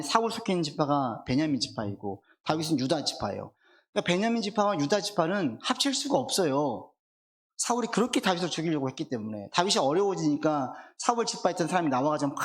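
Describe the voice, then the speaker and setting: A man's voice: fairly high pitch, breathy edge. A man preaching a Bible study sermon in church, reading scripture aloud and then explaining it in a conversational way. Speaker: pastor. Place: church sanctuary.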